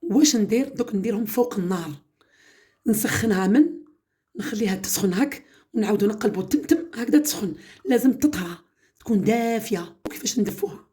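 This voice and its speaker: Fast-talking Algerian woman with a mellow voice. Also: medium pitch, lively intonation. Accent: Algerian Arabic. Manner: chatty, repeatedly calls viewers "my sisters". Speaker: home cooking channel host. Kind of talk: casual home-remedy demonstration.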